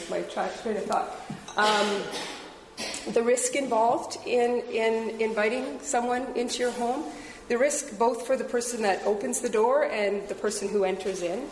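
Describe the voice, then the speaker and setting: A woman installation artist talking about her work, halting and hesitant, with many fillers and restarts. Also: medium pitch, slight background noise. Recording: echoey hall, faint ambience.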